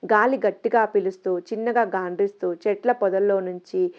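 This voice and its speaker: A woman narrating a first-person story in a soft, steady reading voice. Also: mid-range voice, moderate pace. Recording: slightly dull lo-fi audio.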